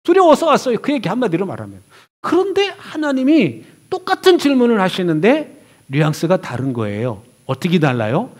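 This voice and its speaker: A man, a pastor, preaching a sermon with expressive delivery, voicing God and Elijah in turn and swinging from hushed to loud. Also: high voice, normal speed.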